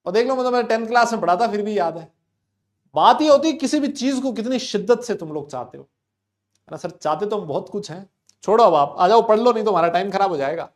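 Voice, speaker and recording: A man teaching chemistry in a live online class, speaking loudly and repeating students' questions back to them. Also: high-pitched, lively intonation, fast. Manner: loud, talks to students, voices their questions back. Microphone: desk mic with level meter.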